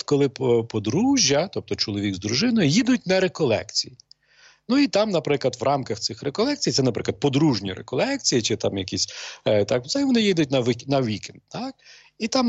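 A middle-aged man, a priest, talking slowly and hesitantly with many pauses and fillers. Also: mid-range voice, vocal fry, slightly rough, no room sound, muffled recording. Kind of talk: calm talk show conversation.

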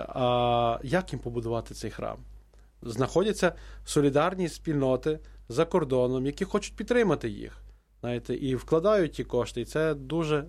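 A man's voice: mid-range voice, darkish tone. A man, a priest, answering questions on a radio talk show, speaking hesitantly with many fillers and restarts. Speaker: priest guest.

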